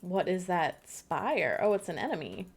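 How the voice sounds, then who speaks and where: A woman's voice: on the low side, sing-song, a little slow, creaky, slightly rough. A woman streaming a game live, chatting bubbly and giggly with her co-op partner. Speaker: livestreamer. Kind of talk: casual gameplay chat.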